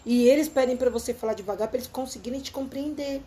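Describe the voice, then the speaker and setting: High-voiced, animated Brazilian woman. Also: quick pace. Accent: Brazilian Portuguese. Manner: animated, chatty, addresses listeners as "gente". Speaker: host of a live show. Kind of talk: casual live talk with storytelling. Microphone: phone livestream.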